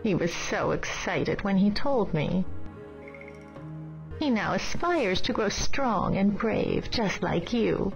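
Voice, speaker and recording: A woman playing a gentle, courteous elderly shopkeeper grandmother in a video game, speaking politely and deliberately. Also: mid-range voice, animated. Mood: polite, grateful. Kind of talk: scripted video game dialogue. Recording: dull, compressed game audio. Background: clear background music.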